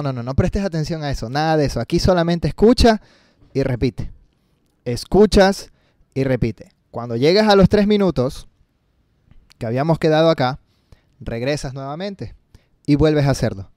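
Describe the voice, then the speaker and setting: Guy teaching english in spanish, upbeat and chatty, tossing in english words, higher voice, dry close sound. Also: darkish tone, no room sound. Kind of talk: casual online lesson.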